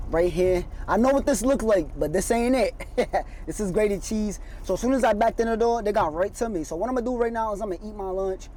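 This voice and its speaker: A man's voice: sits high, mellow, slight background noise, poor audio. A man, a truck driver, chatting casually from his truck cab. He speaks with a slight slur and lisp from braces, in an easygoing, slangy, rambling way. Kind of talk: casual chat.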